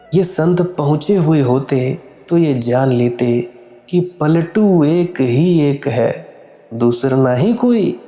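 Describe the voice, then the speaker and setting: Male spiritual teacher, earnest and repetitive, very warm dark tone, roomy echo. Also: mid-range voice. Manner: earnest, repeats phrases rhythmically, addresses listeners directly. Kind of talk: satsang discourse.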